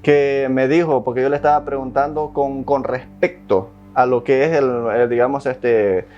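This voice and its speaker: A man's voice: medium pitch, steady tone, normal speed, darkish tone. Earnest, hesitant man in an interview. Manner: earnest, hesitant, repeats words, many fillers. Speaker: interviewee, son of the subject. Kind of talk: documentary interview testimony. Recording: dull lo-fi sound with faint music.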